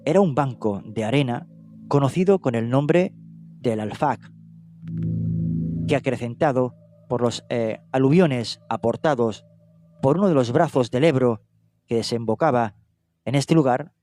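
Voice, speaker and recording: A man's voice: mid-range voice, a little slow, long pauses, dark tone. A man narrating a true-crime case in documentary style, reading steadily with small hesitations and self-corrections. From Spain, not Catalonia. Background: music.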